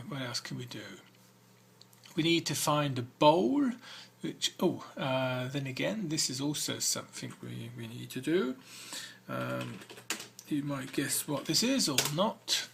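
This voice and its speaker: A man with a gravelly, husky voice hosts a walk-through of an old adventure game, taking his time over each step. He reads the on-screen text aloud and fills gaps with hesitant ums and uhs, his pitch rising and falling a lot. The tone is bright despite the rasp. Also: animated, slow. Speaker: let's-play host.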